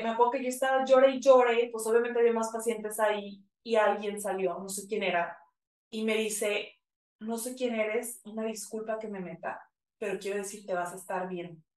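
A woman's voice: mid-range voice, recorded from a distance. A woman recounting a personal story in casual conversation, full of fillers and quoted dialogue. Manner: emotional, filler-heavy retelling with many quoted lines. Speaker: guest telling her story. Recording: echoey room, a bit off-mic.

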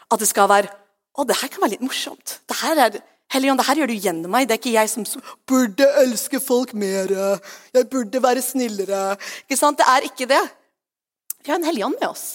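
A Norwegian woman pastor giving a lively, conversational sermon. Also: fairly high pitch. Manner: lively, conversational, acts out quoted voices. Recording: long reverb of a church hall.

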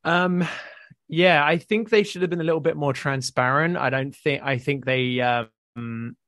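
A man co-hosting a podcast, chatting casually and somewhat haltingly. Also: a little high, steady tone, a bit bright, no echo, studio quality. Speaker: podcast co-host. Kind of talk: casual chat.

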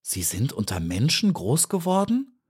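Male narrator doing a small, polite, earnest bee girl, lifted voice, lively delivery. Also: mid-range voice, unhurried, husky, pitched above the performer's own voice, full character voice. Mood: curious. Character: polite, shy little female honeybee.

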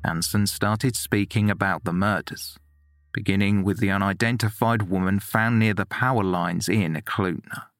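Low sober male true-crime narrator. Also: fairly even intonation, moderate pace, fairly bright tone, dry recording.

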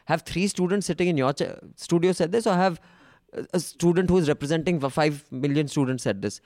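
Male panel host, North Indian accent, higher-pitched, quick, informal and stammering over restarts, dry recording. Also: darkish tone, no room sound. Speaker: discussion host. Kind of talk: panel discussion, casual opinion mixing in Hindi.

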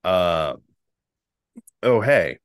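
A man's voice: deep voice, big pitch swings, extremely slow, clean tone, dry recording, clean studio sound. A man co-hosting a podcast, chatting casually over beers, laid-back and swearing freely. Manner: laid-back, swears a lot, laughs easily. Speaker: podcast co-host. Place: borrowed house, indoors.

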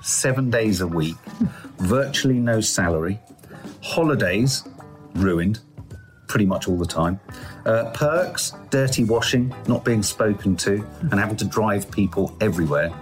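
A man in his fifties, a father co-hosting a parenting podcast in casual chat, with a wry, teasing manner and quick asides. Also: on the low side, expressive, faint music behind.

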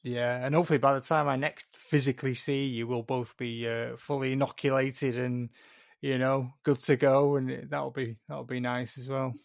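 A man's voice: medium pitch, level tone, normal speed, vocal fry, dry recording, clean studio sound. A man hosting a podcast interview in an informal, matey way with some mild swearing. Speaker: podcast host.

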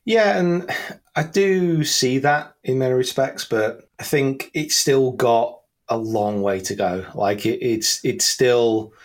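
Speaking slowly at a medium pitch, this man from England, in his thirties, is a guest in a casual conversational interview. He has an English accent and is self-deprecating as he chats.

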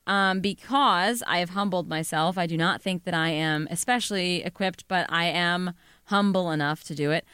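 Smooth-voiced woman, joking storyteller. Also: mid-range voice, a bit bright, dry recording, clean studio sound. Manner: joking, self-deprecating storyteller who acts out quotes. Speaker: podcast co-host. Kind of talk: casual chat.

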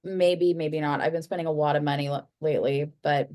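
A woman's voice: sits low, fairly even intonation, brisk, mellow. A woman co-hosting a podcast in casual chat, talking in a hesitant, chatty way. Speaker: podcast co-host.

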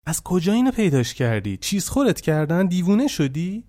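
A man's voice: high-pitched, sing-song, dark tone, voice pushed up. A man voicing an indignant middle-aged stepmother who berates a girl in a mocking rant. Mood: scornful.

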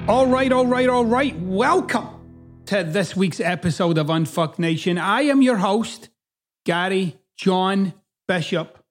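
A middle-aged Scottish podcast host, his accent partly Americanized, delivers a blunt, emphatic, swear-filled casual monologue. His voice is high and expressive at a measured pace, with faint music behind him.

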